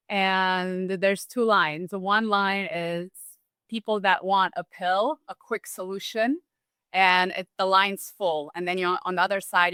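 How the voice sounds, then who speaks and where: A woman from Romania talking as a guest in a relaxed, thoughtful interview, with restarts and small laughs. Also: lowish voice, clean tone, no room sound. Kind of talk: casual conversational interview.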